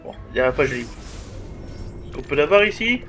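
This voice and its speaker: Male gamer commentating, high, animated pitch, crude and jokey. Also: moderate pace, soft background music. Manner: swearing, joking, talking to the game. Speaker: let's play commentator. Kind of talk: gameplay commentary.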